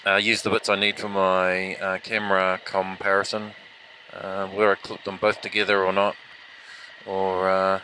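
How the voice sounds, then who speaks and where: A deep-voiced motovlogger speaks in a monotone at normal speed, his tone pushed and bright, while riding outdoors and reviewing action cameras. He chats casually from inside his helmet, rambling and self-deprecating, and the foam-fluffed helmet mic is noisy with wind and traffic from the bike.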